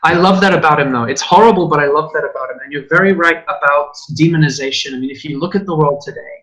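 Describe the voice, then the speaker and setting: A man's voice: fairly high pitch, fast, a bit bright, low-quality recording. A man in an earnest, passionate conversation as a spiritual teacher, now and then swearing. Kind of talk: conversational podcast chat.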